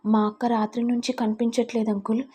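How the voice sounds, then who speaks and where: A woman's voice: fairly high pitch, level tone, fast, dark tone, husky. A woman voicing a worried young woman who is anxious about her missing sister. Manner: anxious pleading.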